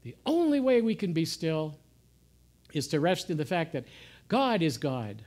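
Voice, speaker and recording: A man giving an informal sermon in a gentle, conversational way, sometimes dropping to soft, hushed asides. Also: fairly high pitch, big pitch swings, measured pace. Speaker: pastor. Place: church.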